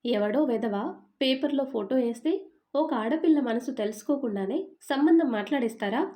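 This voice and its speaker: A woman's voice: fairly high pitch, normal speed, mellow, natural voice. A woman voicing a stubborn, suspicious young woman who fires off accusing questions.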